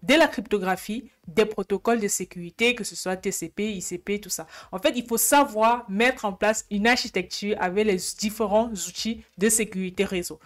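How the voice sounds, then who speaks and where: A woman's voice: mid-range voice, normal speed, few pauses. A woman hosting an informal explainer, often posing questions to the viewer and answering them herself. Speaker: YouTube channel host.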